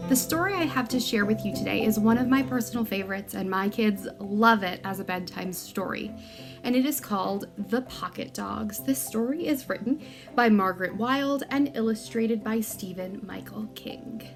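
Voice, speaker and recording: A woman with a gravelly, medium-pitched voice reads a children's story aloud, giving it deliberate, dramatic emphasis for young listeners. Music plays in the background.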